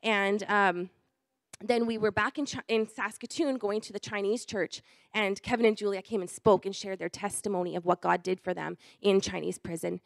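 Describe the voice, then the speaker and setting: A woman's voice: mid-range voice, steady tone, normal speed, vocal fry, no echo, clean studio sound. A young adult woman with a cold, telling a missionary testimony at church in a chatty way with many fillers. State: hoarse from a cold.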